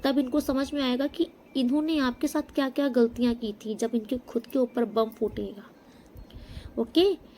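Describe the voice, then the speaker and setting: A woman's voice: high voice, steady tone, normal speed, mellow. Emphatic woman giving a tarot reading. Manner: emphatic, addresses viewer directly with frequent "okay?". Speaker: tarot reader. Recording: faint background noise.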